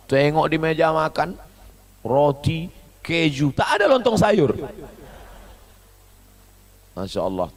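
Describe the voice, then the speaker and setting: A man giving a humorous sermon, swinging between loud high bursts and soft low asides as he mimics foreign phrases. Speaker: preacher.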